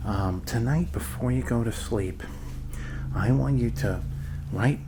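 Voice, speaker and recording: Playing a friendly doctor who treats a zombie bite, a man improvises soft, hesitant bedside talk for an ASMR roleplay, reassuring the patient and rambling with joking asides. He speaks at a measured pace in a medium-pitched voice close to an everyday one, against a noisy background.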